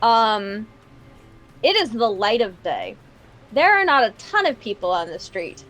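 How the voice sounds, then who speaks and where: A woman with a fairly high voice runs the tabletop session in a loose, chatty way. She talks through rolls and scenes casually, scattering filler words as she goes. Faint music plays underneath. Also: wildly swooping pitch, unhurried, fairly bright tone. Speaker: game master. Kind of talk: running a tabletop game.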